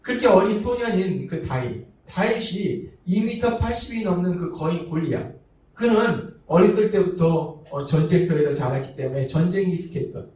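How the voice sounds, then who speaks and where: A man's voice: high voice, lively intonation, normal speed, darkish tone, slight background noise. A male pastor preaching a sermon, reading scripture verses and then retelling them, acting out the quoted lines. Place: church sanctuary. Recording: echoey distant church sound.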